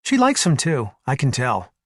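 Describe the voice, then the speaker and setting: A man voicing a sharp-tongued, touchy young woman in an audiobook, indignant and quick to snap back. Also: mid-range voice, huge pitch swings, no room sound, studio quality, voice pushed up. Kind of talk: audiobook character voice.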